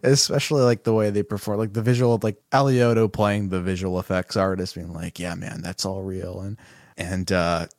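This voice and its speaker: A man's voice: on the low side, fairly even intonation, normal speed, darkish tone, no room sound, studio quality. A man co-hosting a podcast, chatting casually about films, laughing often and swearing freely. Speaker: podcast co-host. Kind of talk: casual film review chat.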